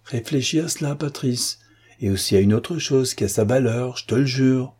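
A man puts on a commanding, insistent gentleman for an audiobook, pitched well above his own low voice. The figure presses his points hard, with emphatic, urging delivery and a husky, dark grain. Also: normal speed, lightly acted. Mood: persuasive. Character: forceful, commanding older gentleman adventurer. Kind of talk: audiobook character reading.

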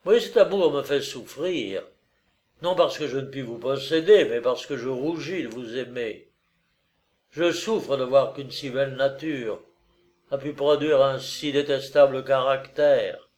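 A man's voice: medium pitch, measured pace, a little mellow, lightly acted. A man reading aloud and voicing a cold, stern nobleman who speaks in a firm, raised voice.

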